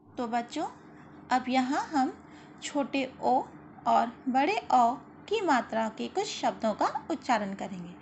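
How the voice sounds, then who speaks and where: High-voiced woman teacher, slow and patient. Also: lively intonation, vocal fry, darkish tone. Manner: slow patient explaining, drawn-out sounds repeated; frequent "ठीक है" and "very good" checks. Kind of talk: children's Hindi lesson. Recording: slightly dull lo-fi audio with faint hiss.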